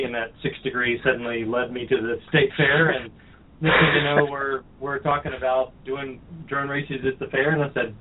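A man, a race director and guest, telling his story in a relaxed, friendly way with many "um"s. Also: mid-range voice. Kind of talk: casual podcast interview. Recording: phone-like narrow audio.

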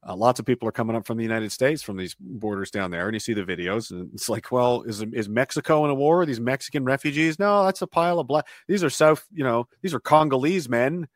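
Man, podcast guest, mid-pitched voice, rambling, restarts sentences, dry close mic. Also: fast, hardly any pauses, dry recording. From Canada. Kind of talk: casual podcast conversation.

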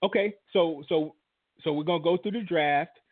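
A man with a slightly high voice gives measured, wry takes on football. He thinks aloud as he talks. The sound is dry and tinny, like a phone call. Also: dry recording. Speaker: podcast co-host. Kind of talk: casual sports talk.

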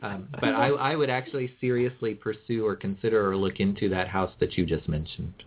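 A man hosting a tarot phone-in, giving conversational readings and advice in a measured, explanatory way. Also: steady tone. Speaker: phone-in tarot show host. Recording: muffled low-bandwidth call audio.

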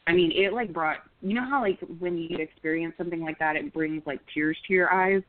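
A woman's voice: lowish voice, a little fast, no room sound. A woman in her thirties from Oklahoma, a podcast host telling a story in casual chat, with lots of "like" fillers. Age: 30s. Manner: chatty storytelling with many fillers. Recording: tinny phone-like call audio, dry.

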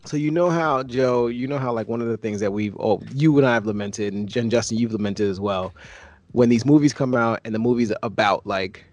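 A man's voice: medium pitch, brisk, darkish tone, no echo. A man in his thirties co-hosting a movie review podcast, talking casually and rambling with frequent restarts. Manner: rambling, self-correcting. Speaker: podcast co-host.

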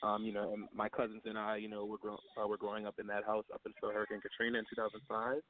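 Young man guest, polite and apologetic, slightly low voice, tinny phone line with light static. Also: monotone, fast. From Louisiana. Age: 20s. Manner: polite, apologetic, restarts often. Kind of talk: radio call-in chat.

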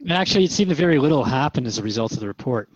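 In a conversational radio drama series, a man playing an interviewer asks and answers questions in a hesitant, reflective way. His mid-range voice is expressive with a breathy edge and moves at a racing pace. The audio is dry, with no echo, and slightly dull.

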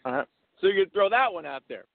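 A man's voice: high-pitched, very animated, fast, vocal fry. A man on the phone giving crude advice to a friend, profane and mock-tough, acting out the lines he suggests. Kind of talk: casual phone chat. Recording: tinny phone line.

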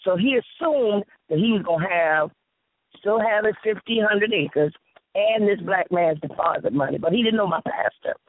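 At a moderate pace, an animated woman from South Carolina's Sea Islands, accented in Lowcountry Gullah Southern, shares stories conversationally as an interview guest. She's emphatic, repeating phrases and performing dialogue, over tinny, narrow, phone-quality sound.

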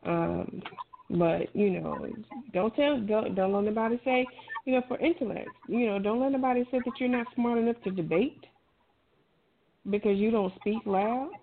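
A middle-aged woman with a medium-pitched voice speaks at a normal speed, offering emphatic, encouraging advice in a casual, colloquial way. The recording sounds thin and phone-like, with clear noise.

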